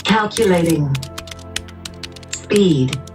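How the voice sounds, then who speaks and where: A woman's voice: on the low side, animated, drawn-out words, distant mic. A woman doing a robotic computer processing. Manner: clipped one-word machine readouts. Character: robotic computer processing data, monotone and mechanical. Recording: roomy echo from off-mic with music.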